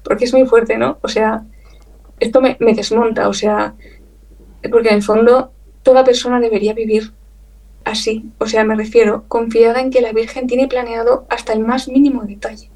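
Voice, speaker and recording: Chilean-born woman, lively and emotional. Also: on the high side, normal speed, far from the mic, low-quality recording. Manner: emotional, animated storytelling with many fillers and laughs. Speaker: guest, illustrator. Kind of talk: conversational interview.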